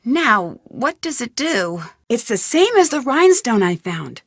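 Nancy Drew, a lively young sleuth. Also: female voice, a little high, unhurried, no room sound, clean studio sound, heavily acted. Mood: curious. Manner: inquisitive, thinking aloud while investigating. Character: young female amateur detective, curious and persistent. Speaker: game protagonist. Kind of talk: game voice acting. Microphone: studio microphone.

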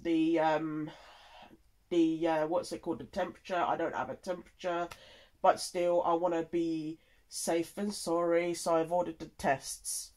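Slow, congested nasal voice. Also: mid-range voice, flat delivery, darkish tone. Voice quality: congested, blocked-nose nasal sound. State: tired and unwell with a cold. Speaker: content creator. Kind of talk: casual update to followers.

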